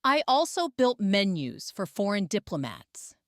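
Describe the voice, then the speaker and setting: A woman voicing a single-mother caterer who gives calm, sharp orders. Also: mid-range voice, unhurried, no room sound, studio quality.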